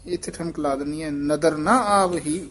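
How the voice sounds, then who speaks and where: A man teaching the pronunciation of scripture, correcting a reciter and repeating words slowly and deliberately. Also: a little high, fairly bright tone.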